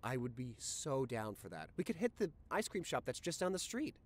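A man's voice: medium pitch, sing-song, normal speed. A man playing a worried, devoted boyfriend. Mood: worried coaxing. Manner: soft, soothing, reassuring. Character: caring boyfriend, anxious and devoted, young adult man. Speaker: voice actor reading a listener script. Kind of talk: boyfriend ASMR audio role-play.

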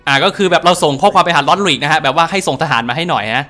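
Energetic, fast-talking male game commentator. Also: on the high side, faint music behind. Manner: chatty, energetic, swears casually. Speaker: let's-play host. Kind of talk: casual game commentary translating dialogue.

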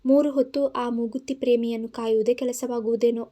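A woman's voice: fairly high pitch, fairly even intonation, a little fast, warm tone. A woman narrating an audio story in Kannada-accented speech, voicing the characters' lines herself.

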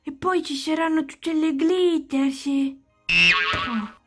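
High-voiced anxious doll girl, rambling, easily flustered; voiced by a woman. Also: steady tone, takes it slowly, soft background music. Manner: flustered, rambling, can't keep a secret. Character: anxious, chatty young female doll. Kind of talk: doll play-acting.

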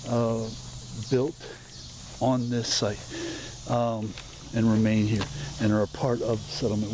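A man narrating an unscripted walking tour of an old house outdoors, halting with fillers and self-corrections. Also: mid-range voice, noisy background. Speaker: video host touring a historic site. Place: outdoors at a historic house, open grounds.

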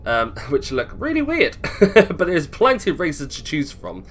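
His pitch swoops wildly from a slightly high base, though his pace stays measured and his tone is a bit bright and husky. This British gaming host rambles through a playthrough, thinking aloud. Game music plays in the background.

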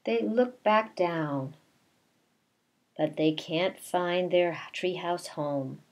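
A middle-aged woman with a low voice reads a picture book aloud, slow and expressive like a teacher. She's a kindergarten teacher doing story time, adding asides to the children, indoors in a small bedroom at home.

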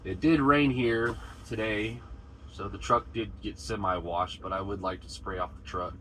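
This trucker talks to camera from his cab at a truck stop, cooking as he goes in a relaxed, meandering vlog chat. His American-accented voice is fairly low in pitch and moves at a normal speed, with a little hiss or hum in the recording.

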